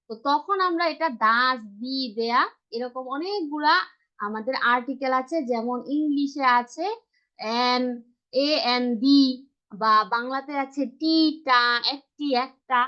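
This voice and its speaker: Female language teacher, high voice, unhurried and patient, over a lo-fi video call. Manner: patient, repeats and spells letters slowly. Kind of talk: online class instruction. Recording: dull lo-fi video call audio.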